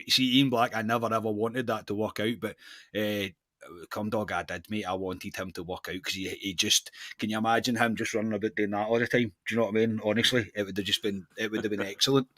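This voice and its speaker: A man's voice: fairly low pitch, steady tone, brisk, a bit bright, dry recording, clean studio sound. A man with a Scottish accent hosting a casual football podcast, chatty and friendly, calling people "mate". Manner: friendly, says "mate" a lot. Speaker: podcast host.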